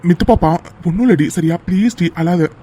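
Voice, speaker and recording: A man voicing a fast, coaxing cartoon sweetheart. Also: high-pitched, mellow, a little hiss or hum, close to an everyday voice. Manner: coaxing, affectionate and teasing. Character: doting young man comforting his sweetheart. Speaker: male lead of a cartoon love story. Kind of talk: cartoon voice acting.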